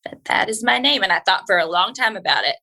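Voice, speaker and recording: A woman's voice: medium pitch, lively intonation, fast, gravelly, pushed and bright. A woman speaking as an interview guest on a podcast, in an informal, earnest and encouraging way. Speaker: podcast guest, school speech-language pathologist. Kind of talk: conversational interview.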